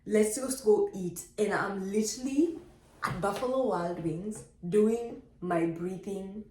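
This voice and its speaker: A woman's voice: slow pace, a little hiss or hum. A young woman animatedly telling her birth story to the camera, acting out quoted dialogue. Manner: lively, acts out quoted dialogue with big pitch jumps. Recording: echoey room.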